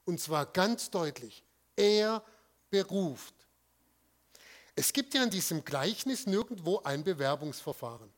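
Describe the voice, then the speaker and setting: Male preacher with a high voice; emphatic delivery, answers his own rhetorical questions, leans hard on key words. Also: big pitch swings, a bit bright. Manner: stresses single words with pauses. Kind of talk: sermon with slides.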